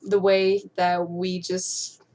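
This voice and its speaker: A woman's voice: on the low side, monotone, slow pace, a little mellow, slight background noise. A young adult woman talking casually as a music video reaction commentator, informal and giggly as she thinks aloud. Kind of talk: casual fan discussion.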